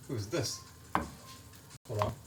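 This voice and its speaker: Male streamer, casual home livestream, swears a lot, laughs easily, mid pitch, echoey room. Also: very animated, drawn-out words, distant mic, very noisy. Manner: profane, laughs often. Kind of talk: casual livestream chat while cooking.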